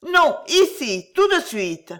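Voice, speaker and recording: A reader voicing a frightened young girl in a storybook, high and pleading as she calls for help. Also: big pitch swings, a little slow. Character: frightened young girl being abducted by boat. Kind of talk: storybook reading.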